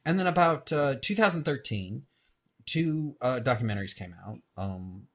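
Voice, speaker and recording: A man's voice: mid-range voice, animated, normal speed. A man, a filmmaker guest, talking in a casual interview, often hesitating and repeating words. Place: radio show studio.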